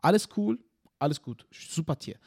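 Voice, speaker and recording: A man co-hosting a comedy podcast, telling stories animatedly in casual chat and often tagging his sentences with quick questions. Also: on the high side, slightly rough. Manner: animated storyteller, tag questions, acts out scenes.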